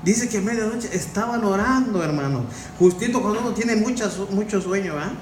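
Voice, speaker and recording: A man gives an informal Bible-study sermon in a high voice, often turning to his listeners with questions. The room rings with a roomy echo. A faint background noise runs underneath. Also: a little fast, distant mic. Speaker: preacher.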